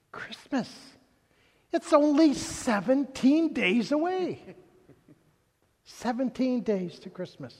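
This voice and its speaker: Male pastor, conversational and joking, slow delivery, echoing church sound. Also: extremely high pitch, very animated, a little mellow. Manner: chatty, joking with the congregation. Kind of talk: sermon.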